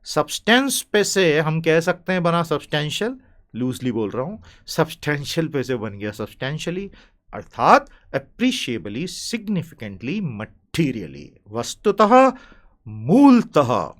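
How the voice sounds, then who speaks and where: A man with an Indian accent teaching English vocabulary, chatty and playful, slowly stretching out the key words. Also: fairly high pitch, sing-song. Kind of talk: spoken vocabulary lesson.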